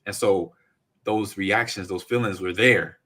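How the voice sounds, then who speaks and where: A man in his forties hosts a relaxed podcast, with a fairly low voice that still sounds bright and forceful. He tells stories animatedly and acts out the quotes. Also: measured pace, slightly rough. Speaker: podcast host. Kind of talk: casual chat.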